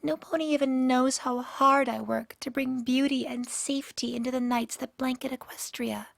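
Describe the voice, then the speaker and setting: A woman's voice: high voice, fairly even intonation, normal speed, gravelly, dry recording, clean studio sound. A woman voicing a lonely, bitter pony princess of the night in a radio drama, speaking in formal, sorrowful diction. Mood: hurt, wistful. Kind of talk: fan-made radio drama acting.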